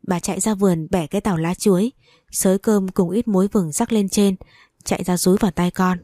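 A woman reading storybook narration in a steady, even way. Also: medium pitch, brisk, dry recording, clean studio sound.

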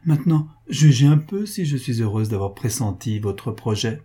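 A man reading aloud, voicing a warm, affectionate young wife with a gushing, lively manner. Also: medium pitch, normal speed, slightly rough. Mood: eager.

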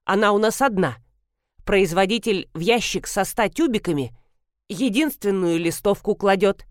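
A woman voicing a grumpy, half-deaf elderly woman pharmacist who scolds loudly and demands people speak up. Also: medium pitch, normal speed, dry recording, clean studio sound, natural voice. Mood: scolding.

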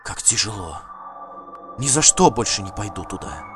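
A man's voice: on the low side, expressive, normal speed, music in the background, lightly acted. A man voicing a dazed, eerie old seeress. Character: trance-dazed seeress woman, eerie, cryptic.

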